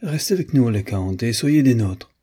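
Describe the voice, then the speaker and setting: A man voicing a vain, fussy wealthy gentleman who talks in a pompous, condescending way. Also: medium pitch, animated, moderate pace, breathy edge.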